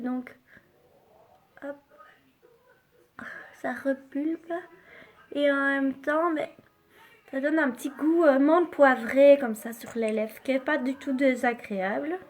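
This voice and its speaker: A woman hosting a live makeup demonstration, chatty and unhurried, filling pauses with little interjections and dropping to soft asides while she works. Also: sits high. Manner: chatty, unhurried, full of fillers like "hein" and "hop". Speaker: makeup live-stream host.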